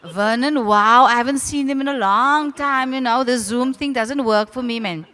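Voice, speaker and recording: Casting: older woman, South African accent, higher-pitched, animated and familiar ceremony speaker, long hall reverb. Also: normal speed. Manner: animated, direct, addresses the audience familiarly. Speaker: host of a ceremony, arts centre leader. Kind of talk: informal public speech. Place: large reverberant venue at a public ceremony.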